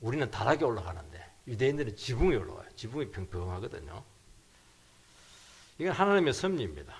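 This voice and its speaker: Male pastor, middle-aged, sermon. Gravelly, husky voice with sharp swings between forceful bursts and whispers. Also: mid-range voice, sing-song, fast. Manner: emphatic preaching, swinging from loud bursts to near whispers.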